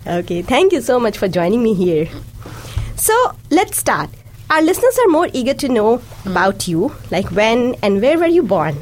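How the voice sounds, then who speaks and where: A woman's voice: a little high, very animated, normal speed, darkish tone. A young woman from India, whose first languages are Hindi and Urdu, hosting a community radio interview in a friendly, welcoming way. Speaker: radio host. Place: radio studio.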